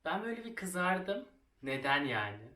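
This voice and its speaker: A man's voice: a little high, very animated, moderate pace, bright, forceful tone. A young man talks through a craft project in a loose, self-mocking vlog style, laughing as he goes. His voice sits in a roomy, echoing space, a little distant from the mic. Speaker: vlogger. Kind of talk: casual storytelling while crafting.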